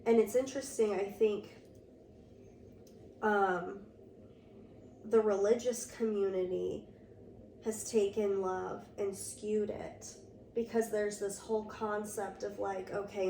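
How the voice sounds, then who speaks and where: A young woman co-hosting a casual podcast chat, slightly hoarse, talking earnestly and reflectively with lots of fillers. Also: medium pitch, little pitch movement, slow pace, pauses often, mellow. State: slightly hoarse from a sore throat. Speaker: podcast co-host. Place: room with door open to rain. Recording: roomy echo, mic at a distance, faint background noise.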